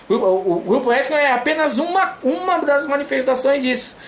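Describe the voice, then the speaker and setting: A woman's voice: high-pitched, brisk, slight background noise. A woman explaining ideas from her book in a video lecture. She halts and repeats words, and often checks in with the viewer. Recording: echoey room.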